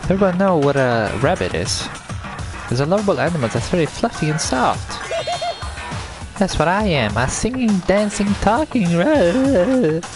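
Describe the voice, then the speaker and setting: A perky stuffed rabbit girl, put on by a man in a squeaky falsetto well above his own voice, with game music behind. The delivery is lively and swoops around. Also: moderate pace.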